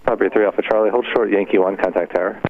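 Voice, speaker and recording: A man's voice: on the low side, steady tone, racing, phone-quality sound. A man working as a ground air traffic controller, giving taxi instructions over a radio. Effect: radio transmission. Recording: thin band-limited radio, faint static.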